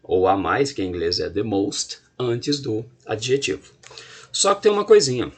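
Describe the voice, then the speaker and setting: Man, Brazilian Portuguese accent, teacher, video lesson, step-by-step explaining, slightly husky. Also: on the low side, expressive, normal speed. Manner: explains step by step, checks in with "ok?" and "tranquilo?".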